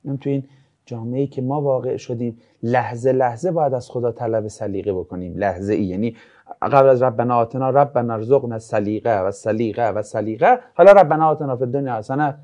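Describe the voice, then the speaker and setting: A man's voice: mid-range voice, muffled recording. A man teaching a religious ethics class, lecturing casually and acting out anecdotes with jokes. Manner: lively, jokey, acts out anecdotes.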